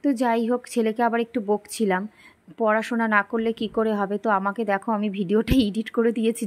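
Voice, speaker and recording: Soft-spoken tired woman vlogger. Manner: soft, slow and low-energy. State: unwell and tired. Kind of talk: daily life vlog voice-over.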